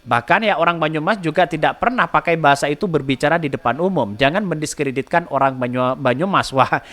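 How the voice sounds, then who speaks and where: A man's voice: on the high side, fairly quick, fairly bright tone. A man hosting a podcast, giving a rambling political commentary full of rhetorical questions and repeated filler tags. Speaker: podcast host.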